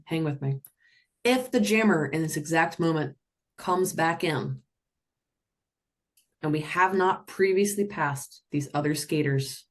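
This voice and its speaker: A woman with a low-pitched voice runs an online teaching session, her delivery energetic and animated. She breaks into playful character voices to act out the players as she explains. She sounds like she is talking into a computer mic on a video call. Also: vocal fry. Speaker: roller derby officiating instructor. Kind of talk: webinar teaching.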